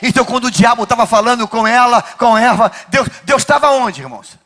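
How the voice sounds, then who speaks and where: Pastor carioca fervoroso de voz aguda. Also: male voice, very high-pitched, animated, a little fast. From Brazil. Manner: fervent preaching, rising to shouts, call-and-response with the congregation. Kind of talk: sermon. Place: church.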